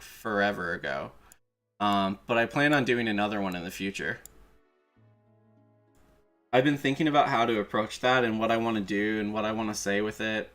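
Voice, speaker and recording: A man's voice: lowish voice, bright, forceful tone. Casual male streamer over background music. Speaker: streamer, video creator. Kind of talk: casual livestream chat. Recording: music playing behind the voice.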